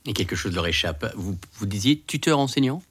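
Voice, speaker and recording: A man hosting an interview, asking measured questions and linking the guest's answers. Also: lowish voice, expressive, fairly bright tone, breathy edge, no echo. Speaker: interviewer, host. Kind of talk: radio interview.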